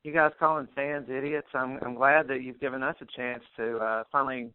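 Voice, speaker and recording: A man's voice: medium pitch, fairly even intonation, clear, resonant tone, dry recording. Man calling in on a landline, chatty and teasing. Tinny, dry phone sound. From Tennessee. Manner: chatty, teasing, halting with fillers. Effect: heard over a landline phone line. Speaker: voicemail caller.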